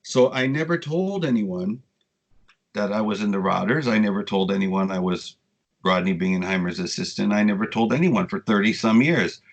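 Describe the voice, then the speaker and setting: Low-voiced older man telling rambling stories. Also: moderate pace, creaky, muffled recording. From United States. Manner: rambling, swears freely, animated when quoting people. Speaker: guest. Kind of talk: casual storytelling interview.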